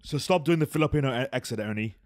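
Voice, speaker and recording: A man's voice: medium pitch, fast, dry recording, studio quality. A man co-hosting a podcast, joking and sceptical in casual banter. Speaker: podcast co-host. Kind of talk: casual chat.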